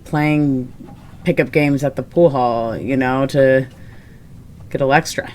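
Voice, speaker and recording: Low-voiced chatty young woman. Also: measured pace, darkish tone, a little hiss or hum. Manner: rambling, laughs often, trails off with fillers. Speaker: podcast co-host. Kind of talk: casual chat.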